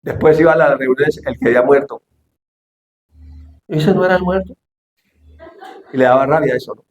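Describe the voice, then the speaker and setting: A male pastor delivering an animated sermon, shouting the quoted lines and asking the congregation questions. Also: on the high side, moderate pace, reverberant, slight background noise. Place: church hall.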